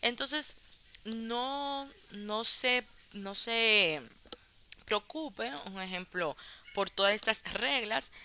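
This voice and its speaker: Slow, bright-voiced woman teaching grammar. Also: a little high, slight background noise. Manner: patient, explains step by step with many fillers. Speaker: English teacher. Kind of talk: online grammar lesson.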